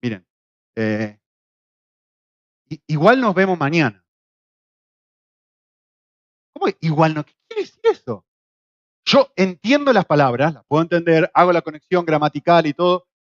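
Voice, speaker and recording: A middle-aged man from Argentina with an Argentine Spanish accent, teaching a Bible class in a lively way, with rhetorical questions and jokes. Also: a little high, normal speed, long pauses, no room sound. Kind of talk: church class lecture. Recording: dull, lo-fi, dry sound.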